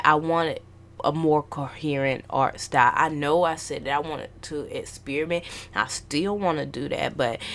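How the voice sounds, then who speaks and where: A young woman artist vlogs, rambling casually about her goals while stuffy from the flu. She meanders with lots of ums and restarts, and her low voice is a bit bright.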